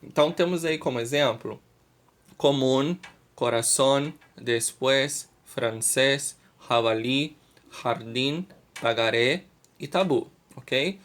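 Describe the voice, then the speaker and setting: Brazilian man, language teacher, unhurried lesson delivery, mid-pitched, keeps checking in with students. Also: fairly bright tone. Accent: Brazilian Portuguese. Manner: slow and deliberate, checks understanding with "ok?". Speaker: Spanish teacher. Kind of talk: recorded school lesson.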